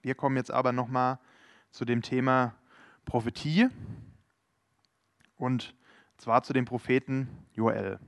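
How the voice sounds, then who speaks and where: A man's voice: medium pitch, dry recording. Man preaching, earnest, talks right to you, dead dry sound no room. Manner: earnest, addresses listeners directly. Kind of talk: sermon.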